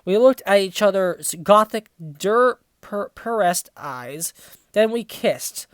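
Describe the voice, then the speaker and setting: Here a mid-range, clear, resonant voice takes its time over a fan fiction story, with lively intonation and no room sound. The reader, apparently in their twenties, is a reviewer who breaks off for mocking, sweary, sarcastic remarks.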